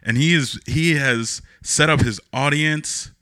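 A man co-hosting a casual film discussion podcast, talking in a halting way with many fillers and restarts. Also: a little high, sharp tone, no room sound, clean studio sound. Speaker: podcast co-host.

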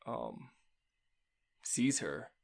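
This man talks through a film's plot in a relaxed, conversational way. He is animated when he defends a scene, and his voice sits at an ordinary pitch for a man. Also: extremely slow, vocal fry. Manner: lively, recounts scenes in detail. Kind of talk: casual movie discussion.

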